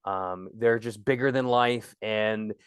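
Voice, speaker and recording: A woman's voice: takes it slowly, clear, resonant tone, no echo. A woman hosting a podcast, jokey and playful in casual chat. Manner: jokey, lively pitch. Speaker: podcast host.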